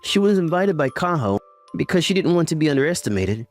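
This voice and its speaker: Here a natural mid-range voice moves quickly and very animatedly, narrating in a matter-of-fact way. The performer plays a young uncle who is caring and teasing in a romantic comedy manga, gently mixing anime-style recap narration with dialogue over background music.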